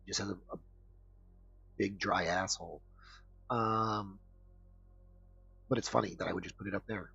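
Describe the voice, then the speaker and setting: A man's voice: deep voice, fairly even intonation, normal speed, vocal fry, long pauses, pushed and bright, breathy edge, no echo. A man hosting a podcast, riffing through crude, rambling comedic commentary full of fillers. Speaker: podcast host. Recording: dull lo-fi dry recording.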